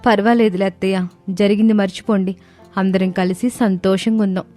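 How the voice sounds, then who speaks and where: A woman voicing a young, pregnant daughter-in-law who speaks politely and softly in a storybook tale. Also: medium pitch, steady tone, fairly quick, faint music behind, natural voice. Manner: polite and soft, pleading.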